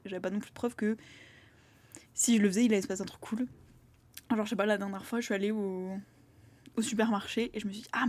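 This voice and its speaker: Fast-talking young woman, rambling casually. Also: mid-range voice, darkish tone. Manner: rambling, filler-heavy, acts out quoted voices. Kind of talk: casual spoken monologue.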